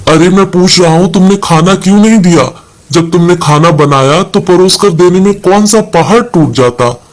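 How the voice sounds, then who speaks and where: A man's voice: sits high, moderate pace, lightly acted. A man reading the part of an angry young husband who scolds his wife. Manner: shouting, scolding.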